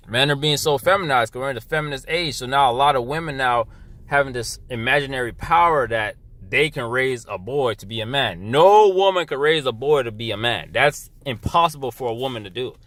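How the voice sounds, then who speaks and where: A young man ranting to camera in a blunt, profane casual vlog, dropping to a low mutter and then jumping to loud outbursts. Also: no room sound. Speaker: vlogger. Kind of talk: casual opinion rant.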